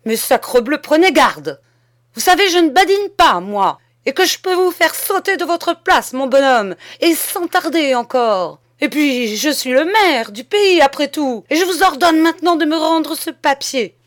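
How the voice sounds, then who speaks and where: A woman's voice: mid-range voice, animated, unhurried, dry recording, studio quality, pitched above the performer's own voice. A woman reading a storybook, voicing a violent-tempered village mayor who blusters and begs. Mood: furious. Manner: blustering, then pleading and stammering. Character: middle-aged male village mayor, violent-tempered, desperate.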